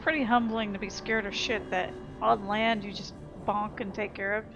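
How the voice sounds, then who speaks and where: Over game music and sounds, a woman hosts a let's play, thinking aloud informally with self-deprecating commentary. Her medium-pitched voice is fairly even at a moderate pace, and the recording's highs are cut off.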